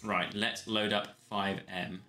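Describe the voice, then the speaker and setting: A man's voice: on the low side, level tone, takes it slowly, sharp tone. A young man chatting casually on a live stream, rambling between topics and thanking viewers. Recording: roomy sound with faint music.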